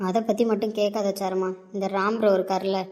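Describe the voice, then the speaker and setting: A woman's voice: medium pitch, level tone, fast talker, a little mellow, voice pushed down, natural voice. A woman voicing a sulky young woman complaining to her friend about a grumpy man, in a read-aloud audio story. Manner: grumbling, exasperated storytelling of a grievance.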